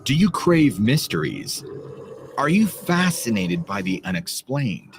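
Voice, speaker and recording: A man's voice: medium pitch, big pitch swings, unhurried, faint music behind. Ominous, theatrical male promo voice. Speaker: ad announcer. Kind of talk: dramatic scripted promo.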